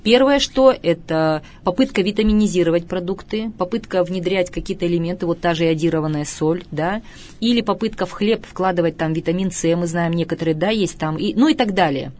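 A middle-aged woman with a fairly low voice talks as a studio guest expert. She lectures with firm emphasis and stretches out the words she wants to stress. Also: a little fast, a little mellow. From Russia. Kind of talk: studio talk show interview.

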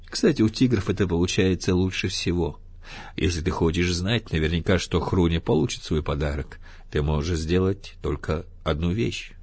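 A man doing a deep husky boastful tiger. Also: normal speed, darkish tone, no echo. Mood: confident advice. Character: bouncy boastful male tiger, sure of himself.

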